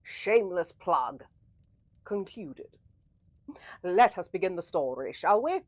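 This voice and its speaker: Theatrical breathy woman storyteller, slow and swooping. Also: on the low side, expressive, no room sound. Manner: theatrical, old-fashioned flowery speech with drawn-out phrases. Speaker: livestream host and storyteller. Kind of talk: theatrical livestream hosting and interactive storytelling.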